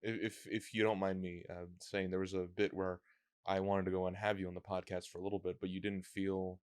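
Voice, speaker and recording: A man hosting a podcast interview, talking in a rambling, halting way with many fillers and restarts. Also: sits low, level tone, smooth, dry recording, studio quality. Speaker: podcast host. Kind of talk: casual interview chat.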